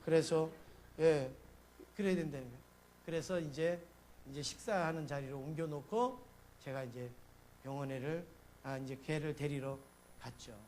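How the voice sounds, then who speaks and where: A middle-aged man preaching a sermon as a pastor, telling stories and acting out his panic in sudden loud bursts. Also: a little high, normal speed, pauses often, a little hiss or hum. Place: church sanctuary.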